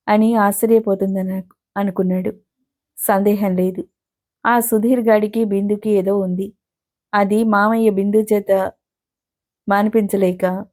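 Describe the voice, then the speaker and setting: A woman storyteller reading a serialized story aloud in a steady, expressive way. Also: mid-range voice.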